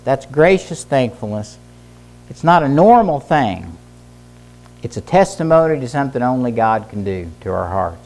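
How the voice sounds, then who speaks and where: A man's voice: a little high, a little mellow. A middle-aged man, a pastor and former doctor, preaching a sermon in a church service, telling stories earnestly and repeating key phrases for emphasis. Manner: earnest storytelling with emphatic repetition. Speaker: pastor and teacher, former physician.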